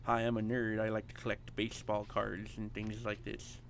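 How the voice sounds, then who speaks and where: A man's voice: on the low side, monotone, normal speed, a little hiss or hum, natural voice. A man voicing a nerdy, eager cartoon guy who collects baseball cards.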